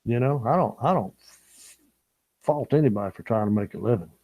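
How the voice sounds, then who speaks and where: A man's voice: medium pitch, lively intonation, brisk, muffled recording. A man hosting a fishing channel live stream, chatting casually with viewers and reading their comments, rambling and chuckling as he talks. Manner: rambling and chuckling, reads chat comments aloud. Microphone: small camera mic or lapel.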